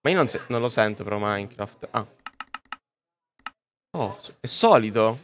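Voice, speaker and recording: A man's voice: lowish voice, expressive, moderate pace, fairly bright tone, slight background noise. Chatty male streamer on a podcast mic. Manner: chatty, addresses viewers directly. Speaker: livestreamer. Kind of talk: casual live-stream chat. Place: streaming booth at a comics convention. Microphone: podcast-style microphone.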